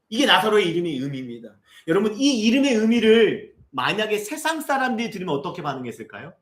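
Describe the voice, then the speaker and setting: A man's voice: sits high, fairly bright tone. A male pastor in his forties preaching a sermon, firing rhetorical questions at the congregation and building to impassioned appeals. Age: 40s. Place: church sanctuary. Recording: echoey church sanctuary.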